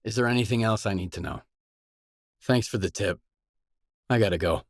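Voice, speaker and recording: In a clean, echo-free studio recording, a man with a fairly low voice speaks at normal speed, lightly acted. He plays the guarded, blunt stalker who stars in a post-apocalyptic video game, delivering terse scripted lines with matter-of-fact, probing questions.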